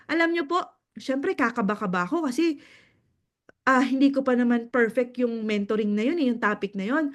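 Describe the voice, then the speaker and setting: A woman with a Filipino accent giving a mentoring talk to a group, animated and often laughing, checking in with her listeners. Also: on the high side, normal speed. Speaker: business mentor.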